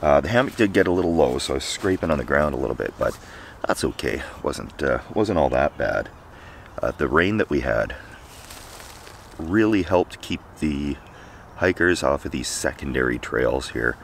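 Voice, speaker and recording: A man's voice: a bass voice, lively intonation, normal speed, gravelly, a little hiss or hum. A man in his forties filming a casual camping vlog outdoors in the woods, talking to a nearby camera with dry, wry asides. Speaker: camping vlogger. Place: woods at night and morning, outdoors.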